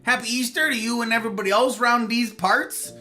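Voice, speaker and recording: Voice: medium pitch, fairly even intonation, quick pace, pushed and bright, soft background music. A live streamer host chatting casually with viewers in a playful, rambling way, full of silly slang.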